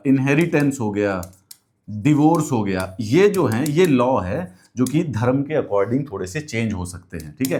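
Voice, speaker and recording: A man's voice: mid-range voice, a little mellow. Emphatic man teaching exam prep. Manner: emphatic teacher, repeats key phrases, asks rhetorical questions. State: speaking with a mouth ulcer. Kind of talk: classroom lecture mixing Hindi and English.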